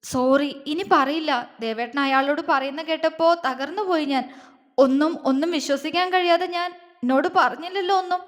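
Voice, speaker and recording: A woman's voice: high-pitched, normal speed, natural voice. A woman voicing a grieving young woman who cries and stammers through her sobs. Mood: tearful. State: crying.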